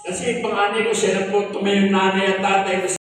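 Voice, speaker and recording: A man's voice: high-pitched, completely flat delivery, fast talker, fairly bright tone. An older man giving an earnest, emotional church testimony and quoting scripture as he tells his story. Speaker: testimony speaker. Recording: echoey hall from far off, faint hiss.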